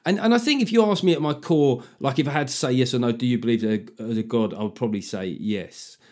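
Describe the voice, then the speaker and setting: Male comedian host, mid-pitched voice, casual and sardonic, swears freely. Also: fast, a little mellow. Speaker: podcast host and touring stand-up comedian. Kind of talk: casual chat.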